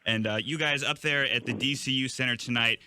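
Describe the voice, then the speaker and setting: A man's voice: medium pitch, a little fast, background noise. A male radio host running an interview in an upbeat, chatty way.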